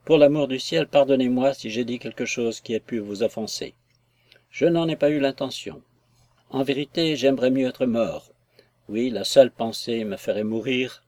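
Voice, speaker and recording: A man's voice: medium pitch, normal speed, darkish tone, no room sound, close to an everyday voice. A fervent, anxious young suitor pleading his love, dry close sound, read by a man.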